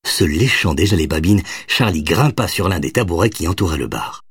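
A man narrating a novel as an audiobook, with expressive, varied storytelling. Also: deep voice, brisk, breathy edge, dry recording, clean studio sound.

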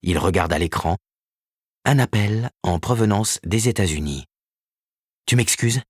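A man narrating a novel with measured, expressive storytelling and a husky voice. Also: deep voice, no echo, studio quality. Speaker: audiobook narrator. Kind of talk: scripted narration.

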